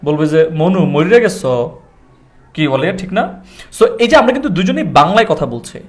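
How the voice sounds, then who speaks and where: A man's voice: sits high, big pitch swings, fast talker. A man from Noakhali with a Noakhali Bengali accent, an English language trainer answering questions in a casual, teasing way and mixing in English. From Noakhali, Bangladesh. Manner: chatty, teasing, mixes English into his Bengali. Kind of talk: casual conversational interview.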